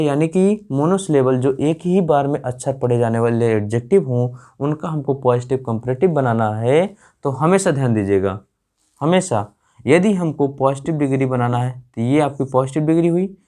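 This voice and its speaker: A man's voice: a little high, darkish tone. A man with an Indian accent teaching an English grammar lesson. He keeps checking that his listeners follow, repeats key words and answers his own questions, and stretches out the English examples.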